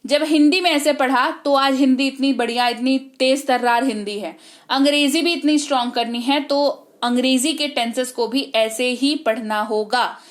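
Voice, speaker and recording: Teaching English online, this high-voiced woman speaks with an Indian accent; Hindi is her native language. Her delivery is brisk as she runs through vocabulary drills and keeps making sure the class is following.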